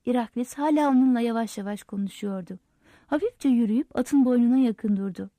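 A woman narrating a novel aloud in a steady, measured storytelling manner. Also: on the high side, dry recording. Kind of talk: audiobook narration.

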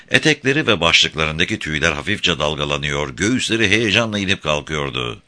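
A man narrating a novel as a scripted audiobook reading, measured and vivid. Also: rumbling low, pushed and bright.

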